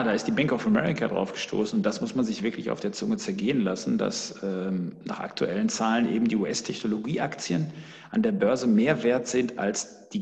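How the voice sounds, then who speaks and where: A man's voice: fairly low pitch, gravelly, long reverb tail. A man co-hosting a podcast with conversational market commentary, explaining with emphatic wording. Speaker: finance podcast co-host.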